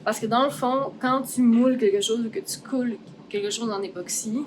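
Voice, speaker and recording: A woman's voice: on the high side, fairly quick, a little hiss or hum, low-quality recording. A woman with a Québécois French accent in a casual making-of vlog, explaining her steps informally and thinking aloud, with some English words mixed in. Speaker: craft artist, vlog host. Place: art workshop. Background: background music.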